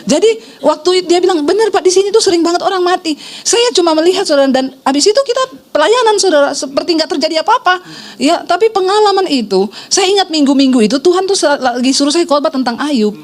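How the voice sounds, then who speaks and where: A middle-aged woman pastor preaching a sermon, telling a story with lively shifts into the voices of the people she quotes. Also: high-pitched, fast talker.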